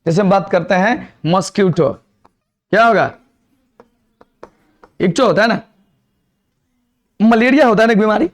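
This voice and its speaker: High-voiced man teaching a class. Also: a little slow, long pauses. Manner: repeats quiz questions to the class, mixes Hindi and English. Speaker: biology teacher. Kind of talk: classroom lecture.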